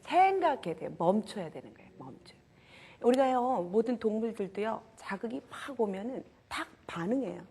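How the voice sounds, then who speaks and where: A woman's voice: on the high side, animated, moderate pace, mellow, husky. A woman giving a lecture on character education to a live audience, getting them to repeat after her and dropping to a whisper for emphasis. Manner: leads call-and-response with the audience.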